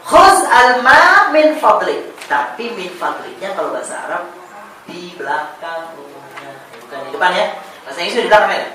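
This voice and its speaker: A man's voice: a little high, fairly quick, soft background music. Man teaching Arabic in an echoey hall. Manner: quizzes the class, recites Arabic words loudly. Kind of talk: classroom lesson to adult students. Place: classroom or hall with an audience. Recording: very echoey room, distant voice, audience noise.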